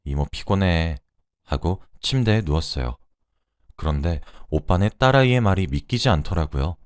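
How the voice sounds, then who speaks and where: Deep-voiced man narrating a radio drama. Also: a little mellow, no room sound, studio quality.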